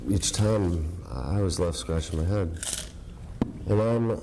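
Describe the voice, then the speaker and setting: A man speaking as an official in a government meeting, halting and hesitant, with a quiver in his voice. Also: sits low, background noise. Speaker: county official. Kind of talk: unscripted formal remarks at a government meeting. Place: indoor government meeting room.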